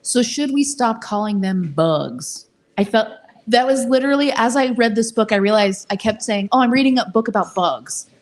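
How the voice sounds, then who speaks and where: A woman's voice: a little high, lively intonation, normal speed. A woman hosting a monthly book discussion, bubbly and chatty, laughing often and restarting her sentences. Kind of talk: casual event hosting.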